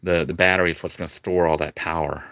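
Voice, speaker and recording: A man's voice: sits low, steady tone, fast, a bit bright, dry recording. A man giving an informal, rambling video update as a vlogger, hesitating and filling with "you know". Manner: informal, rambling, hesitant delivery with repeated 'you know'. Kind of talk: casual video walkthrough. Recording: faint background noise and ambience.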